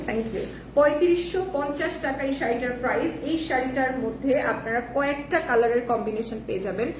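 A hoarse woman hosting a live selling stream, chatting casually and mixing in English phrases, heard in an echoey room with the mic at a distance. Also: high-pitched, background noise. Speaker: live-sale host.

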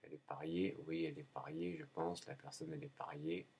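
A man in a rambling spoken monologue, halting often and repeating himself as if answering his own questions. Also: very deep voice, level tone, a little mellow, slightly rough. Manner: halting, frequent hesitations.

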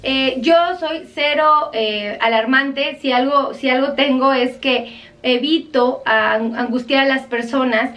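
A woman's voice: high voice, fairly even intonation, takes it slowly, a bit bright, distant mic. A woman doctor with a Mexican accent giving earnest, pleading health advice to viewers on a live stream.

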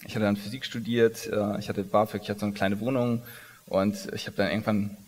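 A company founder in his thirties, born in Iran, is interviewed onstage in a large conference hall whose long reverb fills the recording. His fairly low, slightly mellow voice is flat and brisk, yet hesitant, with frequent fillers and restarted sentences.

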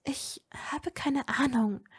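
Fierce, resolute young witch, high-pitched and urgent, played by a woman. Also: slow. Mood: worried.

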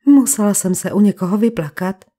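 A woman's voice: mid-range voice, warm tone, close to an everyday voice. Woman voicing a secretive, pleading young woman.

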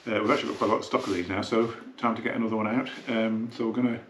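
Chatty hi-fi dealer, low voice. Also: male voice, steady tone, very fast, fairly bright tone, reverberant. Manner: chatty, thinking aloud while handling the product. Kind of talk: casual unboxing talk. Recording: noisy room tone with clicks.

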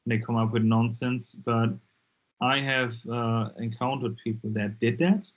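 A man's voice: medium pitch, measured pace. Man, German accent, non-native English, emphatic, repeats himself, earbud mic, dull lo-fi sound. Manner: emphatic, repeats words when pressing a point. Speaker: guest, deliverance minister. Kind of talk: casual interview talk. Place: dim room indoors. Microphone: earbuds on a video call. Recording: lo-fi video call audio.

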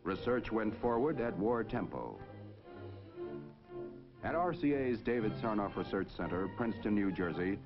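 Male announcer, 1950s broadcast narration, stately and declamatory, low voice, muffled old film soundtrack. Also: animated, normal speed, pauses often, over music.

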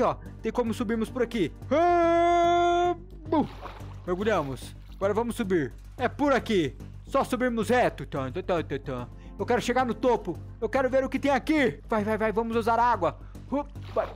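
Excitable Brazilian gamer guy. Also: very high-pitched. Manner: playful, excitable, mock-scared. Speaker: gaming youtuber. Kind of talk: let's play commentary.

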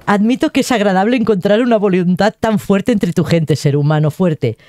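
A woman voicing a stern female lizard-folk language teacher from a video game, formal and lecturing, in a lowered voice. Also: normal speed, mellow, dry recording, studio quality, close to an everyday voice. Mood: solemn.

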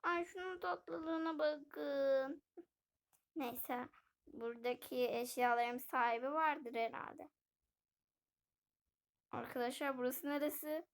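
Narrating her life-sim gameplay casually, a female gaming video host keeps addressing viewers in a chatty manner. Her high voice moves slowly, with long pauses.

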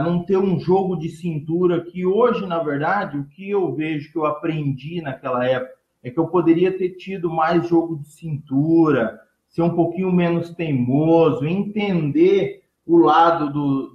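A man, a teacher of entrepreneurship, answering interview questions in relaxed talk with many fillers and trailing phrase ends. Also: fairly high pitch, a little slow, roomy sound, highs cut off. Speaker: entrepreneurship teacher and speaker, guest.

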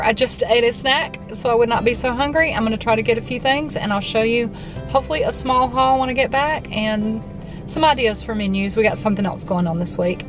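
A middle-aged woman chats casually into a camera held at arm's length from her parked car. She walks through prices and plans for the week in an easy, talkative way. Clear background music plays under her voice. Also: fairly high pitch. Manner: chatty, thrifty, talks through prices and plans. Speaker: cooking channel host. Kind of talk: casual vlog chat.

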